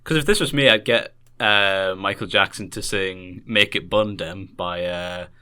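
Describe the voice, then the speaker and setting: Bright-toned low man bantering. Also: measured pace, smooth. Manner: joking, absurd banter. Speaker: podcast co-host. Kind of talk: casual chat.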